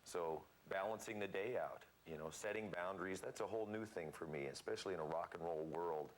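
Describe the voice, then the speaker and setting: Deep-voiced man, rock musician guest, reflective and plain-spoken. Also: brisk, slight background noise, poor audio. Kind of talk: casual interview talk.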